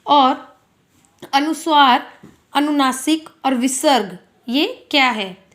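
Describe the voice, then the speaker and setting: A woman's voice: sits high, slow, a bit bright. A woman teaching a school grammar lesson, patiently asking questions and answering them herself. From India.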